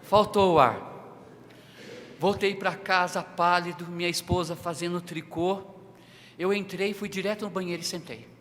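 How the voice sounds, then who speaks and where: A man with a Brazilian Portuguese accent preaching a personal testimony sermon, his delivery emotional and dramatic, swinging from loud to hushed. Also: sits high, steady tone, moderate pace. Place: church sanctuary. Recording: reverberant church hall.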